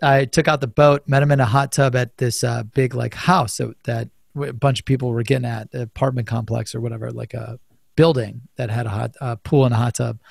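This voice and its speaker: A man's voice: medium pitch, fairly even intonation, a little fast, vocal fry, dry recording, clean studio sound. A young man hosting an interview, reacting with casual enthusiasm and a bit of swearing. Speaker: podcast host.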